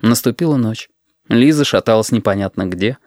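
A man's voice: on the low side, normal speed, a little mellow, no room sound. Man narrating an audiobook, dry sound. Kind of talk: scripted narration.

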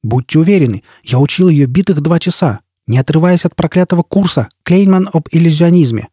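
A man's voice: on the high side, lively intonation, fairly quick, breathy edge, no echo, clean studio sound. A man voicing a flamboyant, hot-tempered rich showman who talks pompously and bellows. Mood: furious. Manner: bombastic, shouting.

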